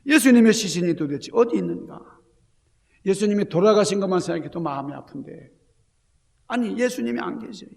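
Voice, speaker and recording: A man preaching an Easter sermon in a fairly high, gravelly voice. He throws rhetorical questions at his congregation and moves between loud exclamations and hushed near-whispers. The sound carries the long reverb of a church sanctuary. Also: lively intonation, brisk. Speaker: senior pastor.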